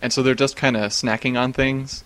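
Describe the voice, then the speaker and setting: A man's voice: medium pitch, level tone, a little fast, fairly bright tone, no echo. A man in casual chat, recounting strange dreams and often breaking into laughter. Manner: laughs often while telling, many fillers.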